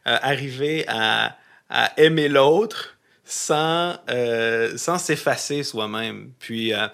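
A man with a Québécois accent, talking in a thoughtful conversation with halting restarts. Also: mid-range voice, creaky, fairly bright tone. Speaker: guest. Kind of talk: casual conversation.

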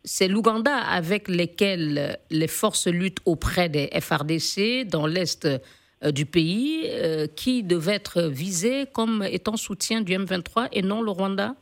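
A woman's voice: lowish voice, measured pace. A woman moderating a radio debate, speaking hesitantly with many fillers but firm about whose turn it is.

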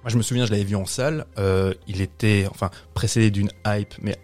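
A man's voice: lowish voice, fairly even intonation, fairly quick, a little mellow, faint music behind. A man co-hosting a film podcast, talking enthusiastically about a director and correcting himself as he goes. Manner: enthusiastic, talkative, self-correcting. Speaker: podcast co-host. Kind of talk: casual film discussion.

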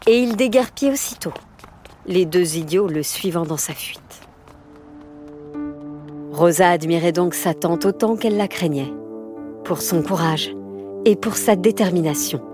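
A woman narrating a storybook in an expressive, vivid way. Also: lowish voice, measured pace, pauses often, over music.

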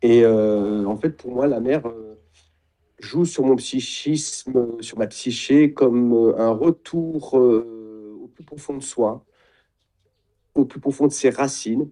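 A middle-aged man speaks in a very dark, mellow voice at an ordinary pitch. He is a reflective interview guest who keeps pausing to find the right word. His speech stays calm and inward. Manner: reflective, searches for words, pauses often; describes himself as introverted. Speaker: guest, sailing retreat founder. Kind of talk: casual interview talk.

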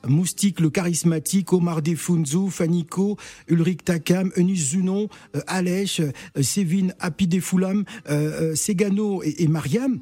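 A man's voice: sits high, moderate pace, no echo. Upbeat male radio host, dry voice. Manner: lively, hands over to callers, many fillers. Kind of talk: radio show hosting.

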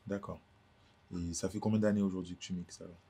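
A man hosting an interview, asking measured, probing questions and nodding along with short acknowledgments. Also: low voice, little pitch movement, dark tone, husky. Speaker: interview host. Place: indoor cultural space in a bookstore.

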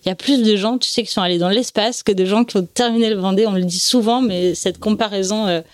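A woman in her forties from France, a sailor being interviewed, explaining things at length in a relaxed, conversational way. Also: mid-range voice, quick pace, no echo, studio quality. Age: 40s. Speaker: guest, offshore sailor.

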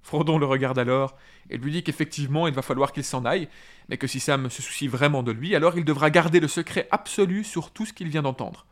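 A man hosting a casual book discussion, talking enthusiastically and reading passages aloud. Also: fairly high pitch. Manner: enthusiastic, halting restarts. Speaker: podcast host and reader.

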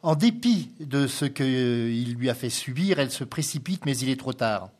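A man hosting a radio music show, reading a singer's life story in a steady, read-aloud presenter manner. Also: mid-range voice, normal speed. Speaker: radio host. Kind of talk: scripted biographical narration on radio.

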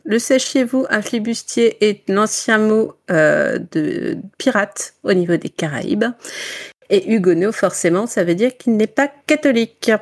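Woman from northern France, book club chat, lots of fillers, self-mocking, mid pitch. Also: lively intonation, unhurried. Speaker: book club member presenting a novel.

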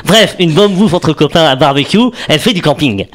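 A man's voice: on the high side, animated, brisk, loud music behind the voice. A man presenting a comic segment on a radio show in the studio, playful and chuckling at his own jokes. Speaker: radio columnist.

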